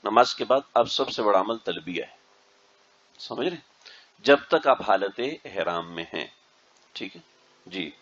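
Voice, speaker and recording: Low-voiced man teaching pilgrims, lo-fi. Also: lively intonation, pauses often, fairly bright tone. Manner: keeps checking the audience understands. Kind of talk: instructional religious talk to a group. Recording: dull lo-fi recording.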